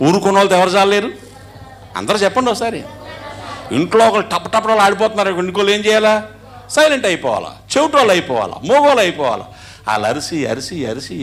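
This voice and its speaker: Lively Telugu man preaching a sermon. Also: fairly high pitch. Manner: call-and-response preaching, asks the congregation to answer; sings hymn lines slowly mid-sermon. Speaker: pastor. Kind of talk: Sunday sermon.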